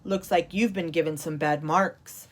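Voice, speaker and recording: A woman voicing a large, kindly bearded male woodcarver in a storybook, speaking gently, slowly and thoughtfully. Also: deep voice, steady tone.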